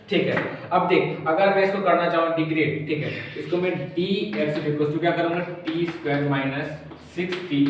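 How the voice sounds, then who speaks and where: The physics tutor's voice sits high and sounds a bit bright, captured from a distance in an echoey room with faint room noise. Chatty and very familiar, he calls the viewer "brother" and answers his own questions throughout an informal exam-prep lesson.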